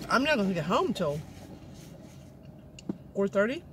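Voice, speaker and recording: A woman's voice: medium pitch, sing-song, measured pace, noisy background. Woman chatting while chewing in car. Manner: rambling, chatty, talks to viewers. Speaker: vlogger. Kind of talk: casual eating vlog chat. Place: parked car.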